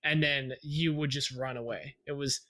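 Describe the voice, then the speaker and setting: A man co-hosting a gaming podcast in casual chat, rambling and steering the talk with many pauses. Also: medium pitch, steady tone, pushed and bright. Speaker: podcast co-host.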